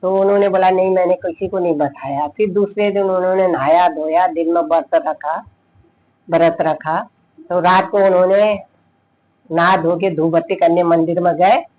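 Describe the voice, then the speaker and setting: Kumaoni man, high-pitched storyteller, loose and repetitive telling. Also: steady tone, normal speed, darkish tone, rough recording. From Uttarakhand, India. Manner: rambling, repeats "he said" often. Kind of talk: casual oral storytelling.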